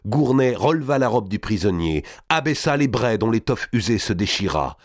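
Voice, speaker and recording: A man reading a historical novel aloud in a dramatic, measured narration. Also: on the low side, animated, dry recording, clean studio sound.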